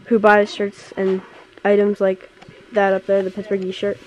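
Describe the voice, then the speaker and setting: A woman's voice: mid-range voice, monotone, moderate pace, darkish tone. A young woman asking questions in a casual on-location interview. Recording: dull lo-fi sound, faint location noise.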